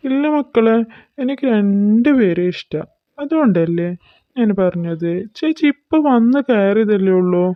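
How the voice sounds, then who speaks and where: A woman voicing a gentle elderly father in a cartoon, speaking slowly in a deep put-on voice. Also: lively intonation, no echo, narrow, tinny audio, natural voice. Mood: soothing. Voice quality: deep, slow put-on male voice. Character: gentle elderly father, soft-spoken peacemaker. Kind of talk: cartoon voice acting.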